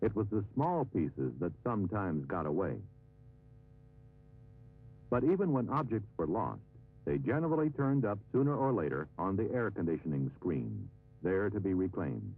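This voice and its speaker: A man reading scripted documentary narration in formal, measured phrases. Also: sits low, big pitch swings, slightly rough. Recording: narrow-band old film soundtrack with music.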